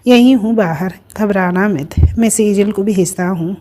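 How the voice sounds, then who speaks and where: A woman voicing a worried middle-aged husband in an audio story, speaking gently and comfortingly. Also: mid-range voice, measured pace, slight background noise, close to an everyday voice. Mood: gentle.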